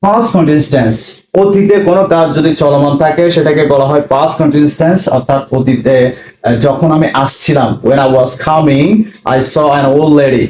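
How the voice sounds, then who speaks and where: A man from Bangladesh teaching a spoken English lesson, slowly drilling phrases. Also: on the high side, darkish tone. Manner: slow, repeats drill phrases. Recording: echoey room.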